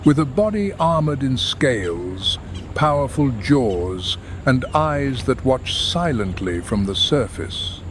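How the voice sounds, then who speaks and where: A man narrating a scripted nature documentary in a measured, dramatic delivery. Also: medium pitch, sing-song, background noise. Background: background music.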